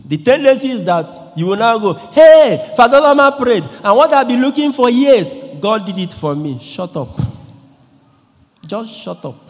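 A man with a Nigerian English accent preaches from a church ambo, his voice sitting a little high for a man. He shifts between loud bursts and quiet, low stretches and acts out little scenes. A long reverb from the large church trails each phrase. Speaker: priest. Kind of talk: lively sermon. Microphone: handheld microphone.

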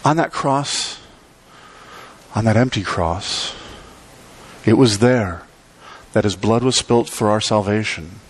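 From the pulpit of a church, a middle-aged pastor delivers a lively sermon full of dramatic pauses and broad, sweeping gestures. His male voice is fairly low with a breathy edge.

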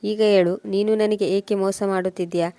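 A woman's voice: medium pitch, little pitch movement, moderate pace, warm tone, no echo, close to an everyday voice. A woman voicing a worried young wife in a plain storybook reading. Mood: pleading.

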